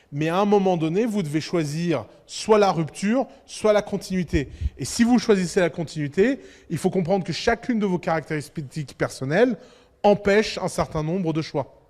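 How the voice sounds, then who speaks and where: A man with a high voice speaks to an audience with emphatic energy. He fires off rhetorical questions and acts out little dialogues. A long hall reverb hangs after each phrase. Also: animated, normal speed, darkish tone. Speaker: entrepreneur giving a talk. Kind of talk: lively speech to an audience.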